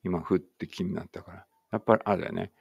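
Gravelly low-voiced male English teacher. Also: steady tone, a little mellow, dry recording, muffled recording. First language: Japanese. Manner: deliberate word-by-word drill reading with chatty asides. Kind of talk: reading vocabulary aloud with explanations.

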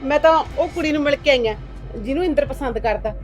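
Brief: woman as peacemaking young daughter-in-law, high voice, talks fast. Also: soft background music, close to an everyday voice. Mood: coaxing. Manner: coaxing, soothing, persuasive. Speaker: daughter-in-law in a family drama. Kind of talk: village web-series acting.

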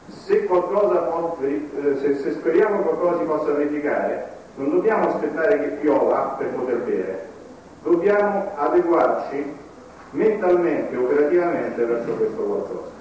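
A man giving a conference talk in a deliberate, halting way, often restarting his phrases. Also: a little high, darkish tone, slight background noise. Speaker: conference speaker. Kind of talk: public lecture. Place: conference hall. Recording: echoey hall recorded from a distance.

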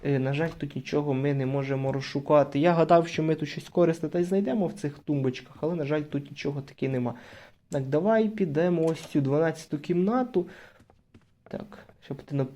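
A young man talks his way through a horror game, describing each room and door he opens. His voice sits a bit high for a man yet sounds mellow and soft. He chats casually and gets jumpy when something comes near. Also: brisk. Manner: chatty, narrates each move, nervous bursts when hiding. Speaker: gaming channel host. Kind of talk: casual Let's Play commentary.

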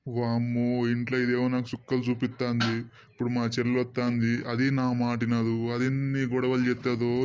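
A man doing a flat, pleading henpecked husband. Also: mid-range voice, background noise, natural voice. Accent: Telangana Telugu. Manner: pleading, flustered. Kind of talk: cartoon comedy voice acting. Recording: muffled lo-fi recording.

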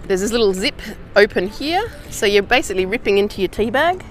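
An Australian woman vlogging outdoors in a casual how-to chat, slangy and relaxed with easy laughs. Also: mid-range voice, brisk, a little hiss or hum. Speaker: hiking vlogger.

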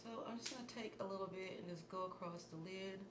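Slightly hoarse, as though losing her voice, a thirtysomething beauty vlogger guides viewers step by step through a makeup tutorial in a medium pitch at a quick pace. She stays calm and instructive, easing almost to a murmur while she works. She's in a small indoor room against a plain wall, where the sound is echoey and hissy.

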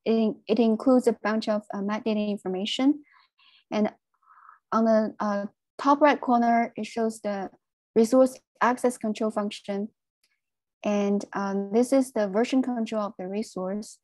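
A woman giving a technical presentation on a video call, speaking in a measured way with frequent fillers. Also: medium pitch, a little mellow, no room sound.

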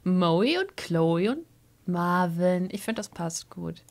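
A woman's voice: on the low side, animated. Chatty woman hosting a game let's play. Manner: chatty, amused, quick asides. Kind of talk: casual game commentary.

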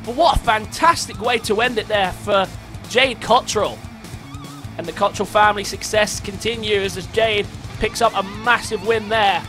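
Excitable high-voiced male wrestling commentator. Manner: excitable, rising to shouts at big moves.

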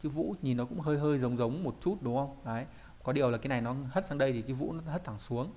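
A man's voice: medium pitch, fast talker, mellow. Chatty man teaching kanji, quizzing students. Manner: chatty, asks rhetorical questions, tag questions. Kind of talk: online video lesson explaining kanji.

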